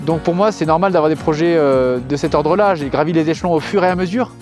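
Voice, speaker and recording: A young man reflects on his climbing in a documentary interview. His voice sits a little high, and he talks in a thoughtful, measured way with frequent pauses. Clear music plays behind him. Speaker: mountaineer.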